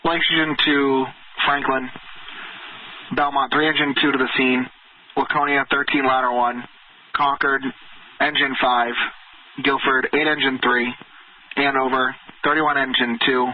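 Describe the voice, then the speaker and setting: Male radio dispatcher, mid-pitched, clipped and procedural, on a thin channel with clicks. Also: level tone, measured pace. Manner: clipped, procedural, repeats back messages. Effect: two-way radio. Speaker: fire dispatcher. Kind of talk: formal radio dispatch announcements. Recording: tinny radio channel, faint noise, clicks.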